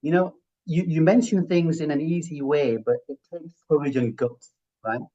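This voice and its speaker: A man's voice: on the high side, normal speed, warm tone, lo-fi sound. A middle-aged man with a broad Yorkshire accent, giving reflective, conversational interview answers and often checking for agreement. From Yorkshire, England. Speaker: interview guest, healthcare finance professional.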